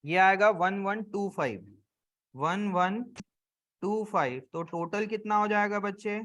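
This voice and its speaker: A male accounts teacher lectures a classroom in Hindi, mixing in English terms, with a high-pitched voice. He works through each problem by asking the students and then answering himself. His voice sinks to a low murmur when he scolds the class or adds up columns. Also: slow, a bit bright. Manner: asks the class questions and answers them himself; drops to a low murmur for scolding and adding up sums.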